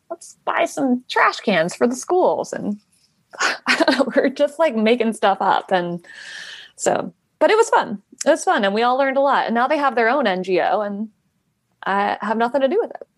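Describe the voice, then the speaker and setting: A woman's voice: on the high side, big pitch swings, moderate pace, no echo. A woman guest talking about founding a nonprofit, rambling with many fillers and restarts. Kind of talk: casual interview answers.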